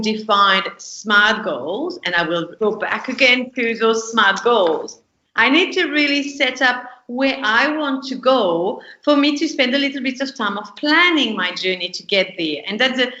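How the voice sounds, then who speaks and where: With a slightly high, bright, forceful voice, a French-accented woman from France, a business lecturer, guests on a podcast and earnestly walks through examples step by step. The sound is lo-fi and dull, recorded in an echoey room.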